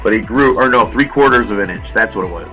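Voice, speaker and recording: A lower-pitched man spinning loose, meandering stories on a casual podcast, chuckling at his own punchlines as he goes. Music plays clearly behind his voice. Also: fast talker, sharp tone. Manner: rambling storyteller, laughs at own jokes. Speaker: podcast co-host. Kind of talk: casual chat.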